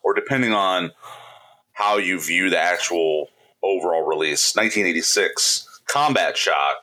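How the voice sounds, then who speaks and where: A man's voice: low voice, unhurried, bright, forceful tone, low-quality recording. A man co-hosting a podcast in casual chat, playful and laughing often as he quizzes his co-host.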